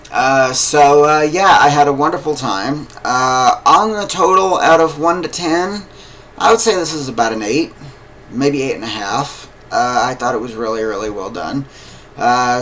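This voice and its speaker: Male vlogger, mid-pitched, slow-talking and earnest, filler-heavy home movie review. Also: a bit bright, slight background noise, rough recording. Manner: unhurried, many fillers, earnest. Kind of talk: casual spoken film review.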